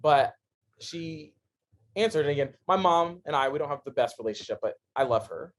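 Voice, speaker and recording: A man in his thirties speaks as a guest on a podcast, recorded on a studio microphone. His voice sits slightly high, and he talks with animated, expressive energy, laughing often and then turning quiet and earnest. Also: normal speed. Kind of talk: animated storytelling in a casual interview.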